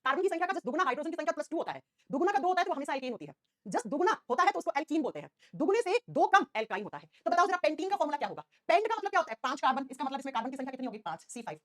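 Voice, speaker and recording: A woman's voice: high voice, very animated, racing, dry recording, clean studio sound. A woman teacher giving an online class, constantly questioning her students and answering herself.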